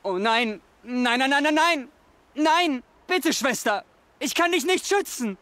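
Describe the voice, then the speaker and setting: A haunted young outcast pleads and frets in this video game scene. His voice sits very high for a man and stays anguished and desperate throughout. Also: animated, takes it slowly, pushed and bright, no room sound, full character voice.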